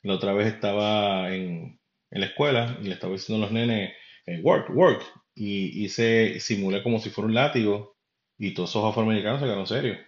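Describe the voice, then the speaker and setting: On a dull, roomy lo-fi recording, a male podcast host from Puerto Rico offers a rambling, casual opinion monologue addressed right to his audience. He has a Puerto Rican Spanish accent and a fairly low, fairly even voice, and he talks fairly fast.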